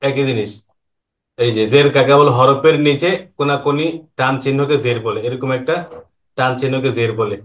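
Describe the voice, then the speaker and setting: A man teaches an online Quran lesson. His pitch sits in an ordinary middle range. He poses questions and patiently answers them himself, going over each point slowly more than once. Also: steady tone. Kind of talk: online lesson explaining Arabic vowel marks.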